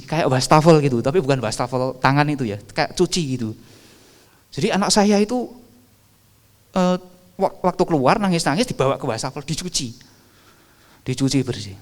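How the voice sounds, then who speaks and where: A man, preaching a sermon and quizzing the congregation with rhetorical questions. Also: fairly high pitch. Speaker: pastor. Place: church sanctuary. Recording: reverberant church hall.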